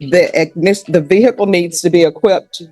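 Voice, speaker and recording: In a courtroom recording with soft music in the background, a female judge with a lowish, dark voice presides over a hearing, speaking fairly quickly. She is firm and procedural, walking step by step through the process and addressing the defendant directly.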